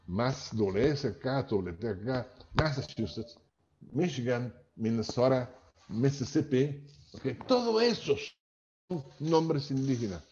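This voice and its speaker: A man's voice: mid-range voice, dark tone, slight background noise. Venezuelan man lecturing over a video call. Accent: Venezuelan, from Maracaibo. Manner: chatty, tags lines with "¿ok?". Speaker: linguistics professor giving a talk. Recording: dull, lo-fi video call audio.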